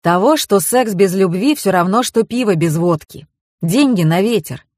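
A woman doing a gruff, stern young man. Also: expressive, darkish tone, no echo, clean studio sound. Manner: curt and stern, lower and slower. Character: gruff blunt young man, bossy protector.

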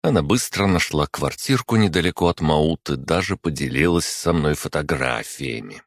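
Man, very deep voice, calm audiobook narration, dry close sound. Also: normal speed, no echo. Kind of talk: first-person audiobook narration.

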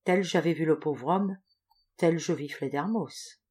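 A woman reading a classic story aloud as a volunteer audiobook reader, in an expressive, dramatic narrating style. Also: sits low, unhurried, husky.

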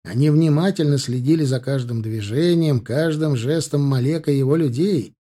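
Expressive male audiobook narrator, mellow. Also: fairly high pitch, normal speed. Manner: dramatic, expressive. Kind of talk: scripted narration.

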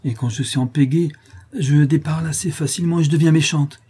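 A man reading aloud, voicing an outspoken middle-aged peasant widow in a raised, husky voice. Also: on the high side, fairly even intonation, brisk, warm tone, pitched above the performer's own voice. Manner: outspoken, defiant.

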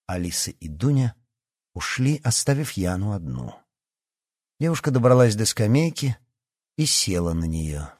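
A man narrating a story in an even, measured reading voice. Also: fairly low pitch, no room sound, studio quality. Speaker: audiobook narrator.

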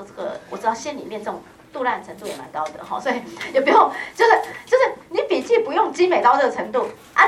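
In a classroom, a woman with a fairly high voice teaches a law exam prep class in a lively, chatty, teasing manner, sprinkling her speech with "hao" and "ha." The mic is distant, with slight background noise.

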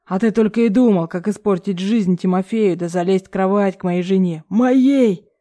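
A woman voicing a domineering middle-aged father, a tycoon who shouts and threatens. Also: medium pitch, steady tone, fairly quick, close to an everyday voice. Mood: indignant.

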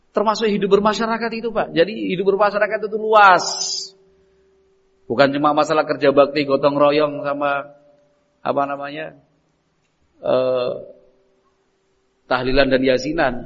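A man preaching a sermon, telling stories and acting out everyday dialogues with lively shifts in voice. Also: fairly high pitch, a little slow, long pauses. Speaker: Islamic preacher. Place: mosque. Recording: dull, echoey mosque recording.

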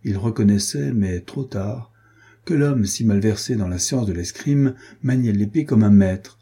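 A man narrating a classic adventure novel in a measured, even reading voice. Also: lowish voice, slightly rough. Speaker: audiobook narrator.

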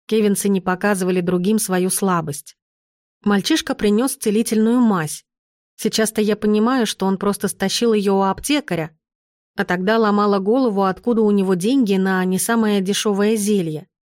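A woman narrating an audiobook in the first person, in a calm and measured storytelling manner. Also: mid-range voice, no echo, studio quality.

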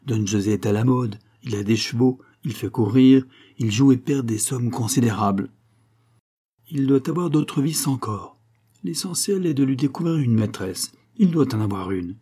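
A patient, scheming young impostor weighing his plans in a calculating voice, as a man reading the story puts him on. The tone stays dark and husky, close to the narrator's own. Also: mid-range voice, animated, normal speed, natural voice.

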